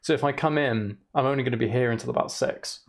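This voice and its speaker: A man's voice: mid-range voice, fast talker, vocal fry. Chatty man in an echoey, emptied room. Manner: chatty, rambling, self-deprecating. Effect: echoey sound of an emptied room. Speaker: streamer. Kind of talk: casual livestream chat. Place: emptied room in a house, indoors. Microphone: desk microphone on a shelf.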